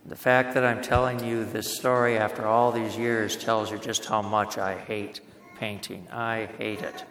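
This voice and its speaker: A man preaching a sermon, telling a story in a plain-spoken way and slowing down to stress words. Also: on the low side, little pitch movement, fairly bright tone, a little hiss or hum. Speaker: pastor. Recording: echoey hall.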